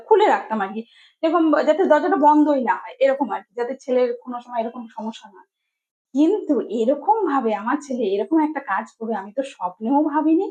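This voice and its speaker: A young mother tells a personal story straight to her viewers. Her voice sits high, and she rambles in a casual, chatty way, circling back with fillers and restarts. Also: darkish tone, lo-fi sound.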